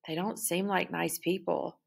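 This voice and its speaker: A woman voicing a gentle, kind young man who speaks softly and earnestly in an audiobook reading. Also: on the low side, steady tone, a little slow, creaky, full character voice. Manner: soft, earnest.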